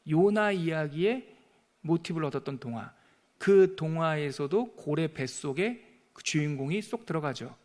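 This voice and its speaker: A male pastor teaching a Bible lesson in a lively, playful way, acting out the scripture's dialogue as he goes. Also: on the high side, normal speed.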